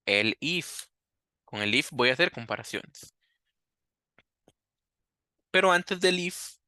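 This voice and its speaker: A man's voice: medium pitch, bright, forceful tone, no echo, studio quality. A man teaching a coding lesson, thinking aloud and asking himself questions as he works. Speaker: programming teacher. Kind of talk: screen-recorded coding lesson.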